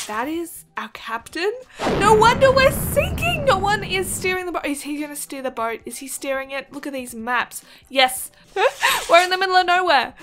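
A young woman giving chatty, excitable game commentary, gasping and giggling as she reacts. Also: sits high. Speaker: gaming video host.

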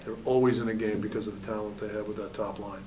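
A head hockey coach in his forties talks fast, with a lowish, warm voice and level tone, answering postgame press questions candidly and saying "you know" often. The table mic sits at a distance in a press room with a backdrop.

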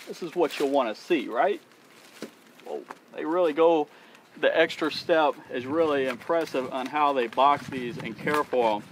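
A man's voice: mid-range voice, slight background noise. Chatty man unboxing a fishing rod outdoors. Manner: enthusiastic, chatty, addresses viewers as guys. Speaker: fishing channel host. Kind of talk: casual product unboxing. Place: outdoors on a dock by open water.

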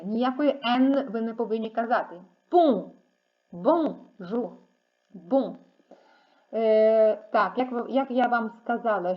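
Woman teacher, slow and repeating. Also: fairly high pitch. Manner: explains slowly, repeats words for students. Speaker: French teacher. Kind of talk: online language lesson. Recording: dull lo-fi sound.

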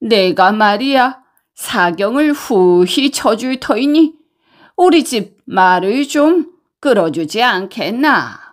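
A woman's voice: a little high, expressive, takes it slowly. A woman voicing a scheming, hot-tempered rich old man in a folktale, coaxing and grumbling with sighs.

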